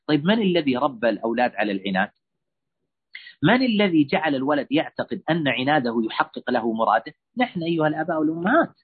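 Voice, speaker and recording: Man, Islamic lecturer, husky, earnest and repetitive, phone-quality audio. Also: on the high side. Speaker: Islamic lecturer answering questions. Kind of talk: religious parenting lecture. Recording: husky voice over a tinny phone-like line.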